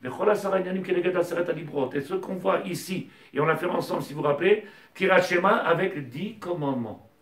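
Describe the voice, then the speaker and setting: A man leads a Torah lesson in an impassioned way, often pushing his high voice toward a shout. He sits some distance from the mic. The room rings with echo. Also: fast talker. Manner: impassioned, rises to near-shouting, mixes Hebrew terms. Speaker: rabbi teacher.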